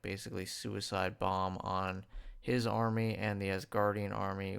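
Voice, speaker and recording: In a radio studio, a young male host gives a casual, rambling film review, filling with "like" and stumbling over words while wearing a retainer. His voice is fairly low, clear and resonant, with vocal fry.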